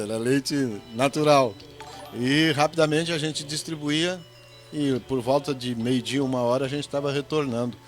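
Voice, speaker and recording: A middle-aged man with a gaúcho Brazilian accent, an evangelist guest telling folksy stories in a radio interview. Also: mid-range voice. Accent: Gaúcho Brazilian Portuguese. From Rio Grande do Sul, Brazil. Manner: folksy storytelling with jokes.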